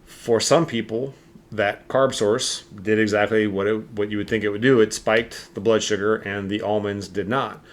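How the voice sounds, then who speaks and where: A man's voice: lowish voice, steady tone, normal speed. A man co-hosting a health podcast, explaining in a rambling, casual way with lots of fillers. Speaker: podcast co-host.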